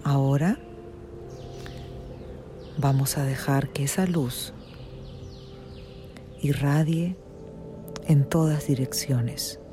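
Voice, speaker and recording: A narrator leads a guided meditation in the soothing, hushed manner of a sleep story, leaving long pauses between phrases. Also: mid-range voice. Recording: music behind the voice.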